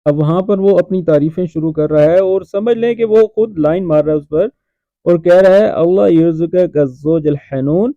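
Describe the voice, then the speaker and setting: A man teaching spoken phrases from dramas, slowly repeating each line and explaining its meaning. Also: fairly high pitch, no room sound. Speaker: language teacher. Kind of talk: explaining drama lines to learners. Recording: muffled lo-fi voice-over.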